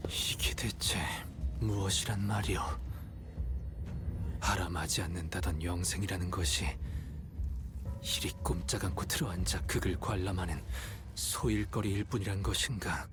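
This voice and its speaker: Guy voicing disillusioned old-timey formal game character, low and fast, music behind. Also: natural voice. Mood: grave dismay. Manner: archaic, formal phrasing. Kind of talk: dramatic Korean game voice acting. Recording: game audio under loud music.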